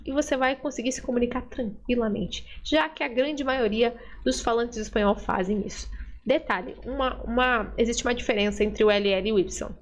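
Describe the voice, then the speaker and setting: A woman with a fairly high voice gives a casual pronunciation lesson. She explains patiently, step by step, and keeps checking that the listener follows. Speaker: Spanish teacher.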